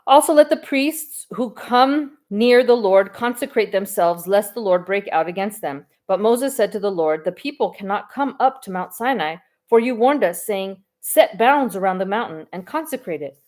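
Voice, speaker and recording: A woman reading the Bible aloud at a steady, careful pace, with small stumbles now and then. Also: mid-range voice, moderate pace, hardly any pauses. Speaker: scripture reader.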